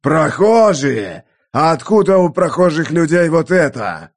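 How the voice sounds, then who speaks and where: A gravelly, raised voice of a brutal old mercenary who snarls and barks his threats at a captive, as an audiobook narrator puts him on. The voice sits a bit higher than plain speech, rough and gritty. Heavy menace in every line. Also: animated, measured pace. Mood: menacing, furious. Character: brutal grizzled German mercenary, old man. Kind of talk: audiobook character voice.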